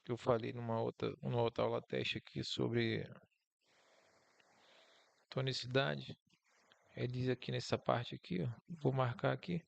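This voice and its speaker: Gravelly-voiced Brazilian man teaching. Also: mid-range voice. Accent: Brazilian Portuguese. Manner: casual, encouraging, talks through slides. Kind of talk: online lesson with slides.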